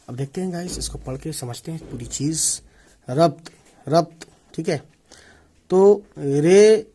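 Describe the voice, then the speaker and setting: A man's voice: fairly high pitch, darkish tone. Patient man teaching an Urdu reading lesson. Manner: patient, repeats words slowly to drill pronunciation.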